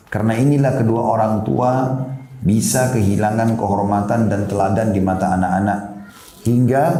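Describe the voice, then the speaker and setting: A man's voice: on the low side, warm tone, roomy sound. A man giving a conversational Islamic sermon to parents, acting out children's questions as he lectures. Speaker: Islamic preacher.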